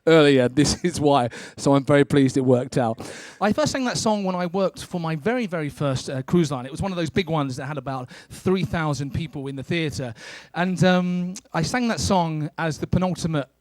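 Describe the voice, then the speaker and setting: A man's voice: fairly high pitch, normal speed, a little mellow, dry recording. A British man working as a cruise director and entertainer, presenting and telling anecdotes to an audience with a courteous, theatrical showman's delivery.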